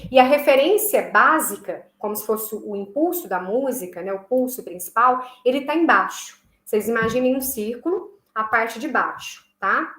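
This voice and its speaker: A woman's voice: fairly high pitch, a bit bright. Woman teaching music in an echoey room. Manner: explains patiently, checks in with frequent "tá?"; chants rhythm syllables slowly while demonstrating. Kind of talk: recorded online class.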